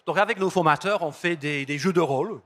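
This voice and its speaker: A man with an English accent and a somewhat raised pitch gives a lively conference talk. He is from London, and the language is not his first. He drives home key phrases by repeating them. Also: fairly quick. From London, England. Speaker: conference speaker. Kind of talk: conference presentation. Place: conference hall.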